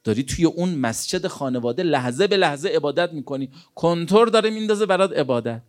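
An earnest male preacher with a fairly high voice delivers a sermon. He talks directly to the listeners and drives each point home with rhetorical questions. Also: lively intonation. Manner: rhetorical questions, acts out imagined dialogues; earnest, exhortative.

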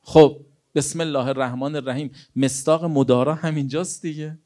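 An earnest male preacher with a fairly high voice delivers a sermon. He talks directly to the listeners and drives each point home with rhetorical questions. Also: steady tone, a little mellow. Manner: rhetorical questions, acts out imagined dialogues; earnest, exhortative.

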